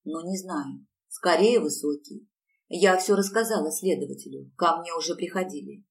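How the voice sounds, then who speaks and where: A woman reading the part of a timid neighbour woman who speaks quietly and hesitantly, picked up from a distance. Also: on the low side, normal speed, vocal fry. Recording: distant mic.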